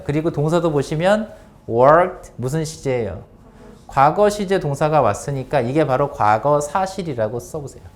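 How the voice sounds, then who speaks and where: Lively-voiced male English teacher. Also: medium pitch. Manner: talks to students with frequent check-in questions, reads example sentences slowly. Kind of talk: grammar lesson lecture.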